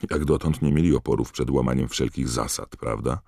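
Ron, an excitable teenage boy, as a man puts him on. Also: a bass voice, gravelly, no room sound, studio quality, full character voice. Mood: agitated. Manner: fast, agitated, indignant. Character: excitable teenage boy wizard, quick to outrage.

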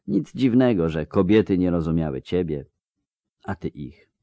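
An ancient elf sage, read by a male storyteller in a spoken fantasy tale, low-pitched and aloof. He talks slowly and quietly, every word measured, with a dry close sound. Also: animated, no room sound. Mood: calm. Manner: slow, quiet, measured speech.

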